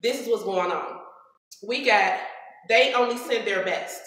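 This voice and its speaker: A woman's voice: medium pitch, unhurried, fairly bright tone. A woman radio host, talking with emphatic, preachy, repetitive rhetoric. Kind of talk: impassioned talk at a live event. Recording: very echoey hall, faint noise.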